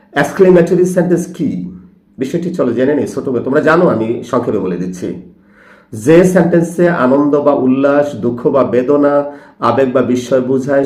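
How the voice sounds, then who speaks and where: A man's voice: mid-range voice, darkish tone. A male English grammar teacher giving an explanatory lesson, speaking straight to his students and spelling words out letter by letter. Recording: roomy echo.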